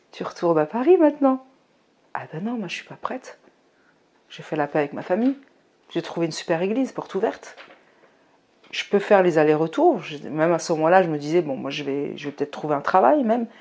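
Emotional woman giving a faith testimony. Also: deep voice. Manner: emotional, swinging between hushed and fervent. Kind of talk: personal testimony.

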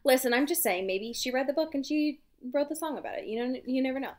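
A young woman co-hosts a book podcast, recapping chapters in a chatty, casual way and swearing and laughing often. Her voice sits high, with lively intonation and a fast pace.

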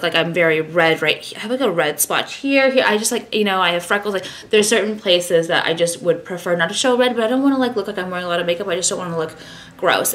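In her bedroom, a vlogger in her thirties holds the camera at arm's length and rambles casually, self-deprecating as she presents a skincare product. She has a mid-range, slightly bright voice.

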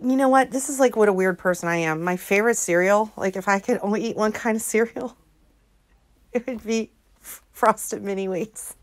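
A woman in her forties chatting loosely to her viewers. She rambles from one thought to the next, giggles often and pokes fun at herself. Her pitch sits in the middle range for a woman. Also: moderate pace. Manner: rambling, giggly, self-mocking. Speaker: vlogger. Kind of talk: casual chat, reading out messages.

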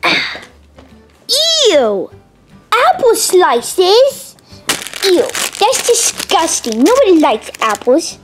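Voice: extremely high pitch, sing-song, takes it slowly, over music, exaggerated voice. A young performer voicing a whiny, demanding bunny animatronic plush in a homemade puppet video. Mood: chatty.

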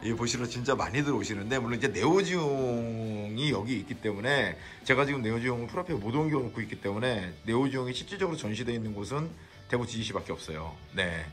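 A man hosting a casual vlog, slowly walking through a display of his own builds and admiring them, with many filler words. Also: medium pitch, lively intonation, faint music behind. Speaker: model builder and channel host. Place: indoor exhibition cafe.

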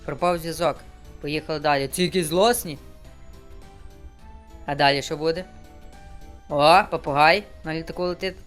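A man's voice: fairly high pitch, steady tone, normal speed, pauses often, a bit bright. Joking streamer man talking to himself. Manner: chatty, joking, talks to himself. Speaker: gameplay streamer. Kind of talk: casual let's-play commentary. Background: game music.

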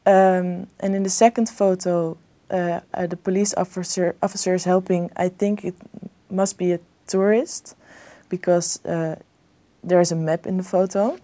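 A young woman from the Netherlands sits in a small office room with a table, answering exam questions as a candidate. Her lowish voice is mellow and flat, at normal speed, and she hesitates with many fillers and restarts, laughing lightly.

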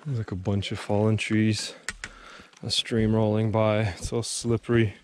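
A man narrating casually while hiking a forest trail outdoors, relaxed and chatty, a little out of breath from climbing, recorded on a handheld camera mic. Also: lowish voice, a little hiss or hum. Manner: relaxed, chatty, pauses between short remarks. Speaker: hiking vlogger.

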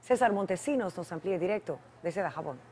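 A woman's voice: on the low side, animated, darkish tone. Young Dominican woman studio anchor. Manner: brisk presenter tone. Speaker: news anchor. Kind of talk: studio news reading.

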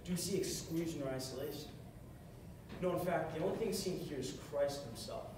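A young man with a high-leaning, brisk voice gives a short, earnest sermon at a music stand on the stage of a large carpeted hall, repeating phrases for emphasis. A far camera across the room captures him, so the sound is distant, echoey and noisy.

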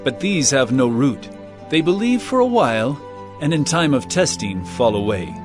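An actor playing Jesus as an earnest, authoritative teacher in a dramatized audio Bible, speaking deliberately and solemnly. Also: male voice, medium pitch, sing-song, music in the background, lightly acted. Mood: earnest teaching.

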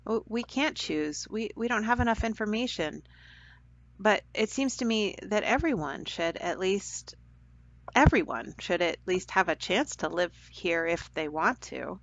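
A woman voicing a worried young boy who talks softly and stammers in a storybook reading. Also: mid-range voice, animated, measured pace, muffled recording. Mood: hesitant. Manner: hesitant, stammering, soft.

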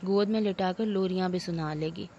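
A woman's voice: lowish voice, moderate pace, dark tone, lo-fi sound, a little hiss or hum, close to an everyday voice. A woman putting on a wailing aggrieved mother-in-law. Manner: wailing complaints, theatrical laments. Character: aging scolding mother-in-law, self-pitying and loud.

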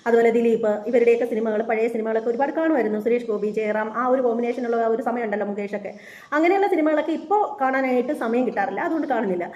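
A woman's voice: on the high side, fast talker, a little mellow, lo-fi sound. A woman hosting a reaction channel, delivering an indignant, scornful opinion rant with repeated points and many fillers.

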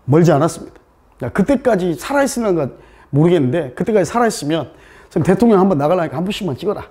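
A man's voice: high voice, big pitch swings, rapid-fire, dark tone. A man teaching an exam-prep English lesson, firing rhetorical questions at his students, dropping English terms into his explanations and making jokey asides.

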